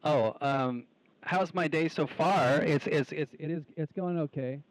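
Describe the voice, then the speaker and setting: A man talking through a calm, computer-sounding voice changer, hesitant and laid-back, with some stammering. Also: fairly high pitch, measured pace, no echo, low-quality recording. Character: calm, flat male computer voice.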